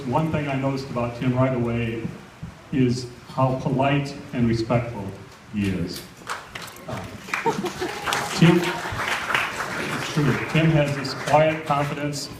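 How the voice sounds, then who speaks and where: Slow-paced American father of the bride speech. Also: medium pitch, crowd noise. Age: middle-aged. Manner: hesitant, informal storytelling. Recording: echoey room, distant mic, noisy with clicks.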